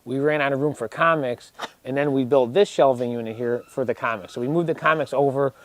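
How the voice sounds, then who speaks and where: A man's voice: mid-range voice, brisk. A man in his forties chatting casually as he gives a tour, explaining practical details in a matter-of-fact way. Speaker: warehouse business owner giving a tour. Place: indoors, large warehouse storage aisle.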